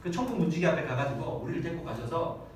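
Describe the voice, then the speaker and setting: Speaking fast in a fairly high, slightly mellow, sing-song voice, a thirtysomething male pastor preaches on Sunday, theatrically performing prayers and children's voices. The large church hall is very echoey, the microphone is distant, and a faint noise lingers.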